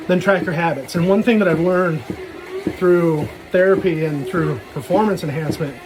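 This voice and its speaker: At a moderate pace, a high-voiced man rambles through a casual personal vlog as he walks, wandering from thought to thought with self-deprecating quips. Clear ambient noise, some of it from vehicles, carries behind him.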